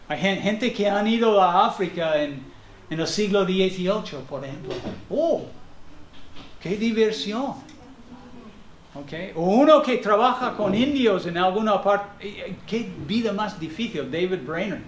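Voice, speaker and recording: Male preacher, higher register, lively and conversational, gropes for words now and then; reverberant church sound. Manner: animated, conversational preaching with frequent "ok?" checks; searches for words in Spanish, with halting restarts. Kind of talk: sermon. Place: church hall. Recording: echoey church room.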